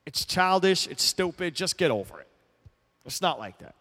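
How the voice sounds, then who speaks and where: A man's voice: sits high, very animated, moderate pace, sharp tone, big-room sound. Blunt, rambling male sports host. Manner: blunt, rambling, many restarts and repeated words. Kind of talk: opinionated sports talk monologue.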